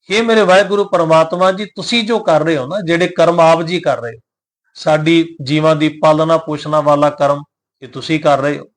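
A man with a fairly high voice teaches how to recite scripture. He chants each verse slowly and deliberately, then explains it in a calm, plain, respectful way. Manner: addresses listeners respectfully and humbly.

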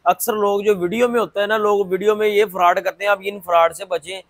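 A young man pitches goods to camera in a high voice. His delivery is fairly even in tone, an insistent, repetitive salesman's patter. The sound is close and dry, picked up on a clip-on mic. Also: quick pace, no echo. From Pakistan. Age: 20s. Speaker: furniture showroom owner and video host. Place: large indoor furniture showroom. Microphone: clip-on lapel mic.

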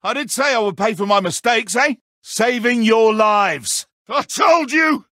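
A man playing a petulant, theatrical video game villain stripped of his godlike powers, with a raspy, strained, melodramatic delivery. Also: very high-pitched, expressive, bright, forceful tone, no room sound, studio quality, heavily acted. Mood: defiant shouting. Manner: melodramatic, drawn-out, emphatic. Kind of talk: dramatic animated game acting.

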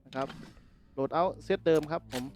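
A man's voice: a little fast, a little hiss or hum. A man from Thailand hosting his gaming channel, chatting and joking politely as he plays. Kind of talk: casual game commentary. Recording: loud game sounds behind voice. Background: gunfire and animal roars from the game.

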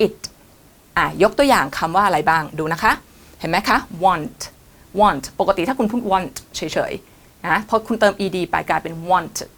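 A woman teaching English pronunciation, drilling sounds slowly and repeating them for her students. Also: lowish voice, a bit bright. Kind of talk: classroom pronunciation lesson.

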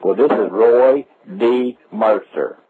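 Over a tinny phone line, a middle-aged man who runs a roofing business trades crude, mocking insults in a slow drawl. His voice is mid-range and slightly rough, and the call is comic banter.

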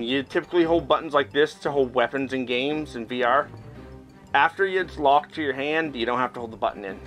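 With a fairly bright, mid-range voice, this middle-aged host offers casual gameplay commentary, poking fun at himself as he explains things. He records indoors while playing a VR game, with game music in the background.

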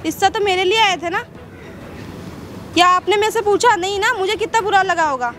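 A woman's voice: extremely high pitch, moderate pace, a bit bright, slight background noise. A young woman in a staged social drama, arguing insistently and repeating herself in an outdoor park. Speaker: sister-in-law in a staged park confrontation.

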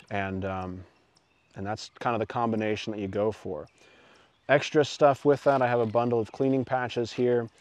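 Out in the woods, the host of a muzzleloading channel, a man in his thirties, walks through an informal how-to with a modest, self-effacing manner. He talks into a clip-on lapel microphone in a medium-pitched voice with a somewhat dark tone.

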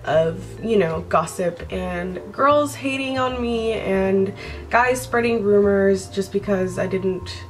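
A young Brazilian woman whose first language is Portuguese vlogs casually to her camera in her bedroom by a window, rambling and laughing often. Her voice is mid-range and slow, with soft music playing in the background.

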